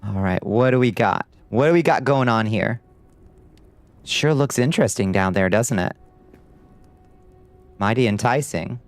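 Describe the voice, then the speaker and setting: A middle-aged American streamer with a light Georgia twang talks with his viewers during live gameplay in a laid-back, wry drawl. His medium-pitched voice is expressive and unhurried, with long pauses, no room sound and soft background music.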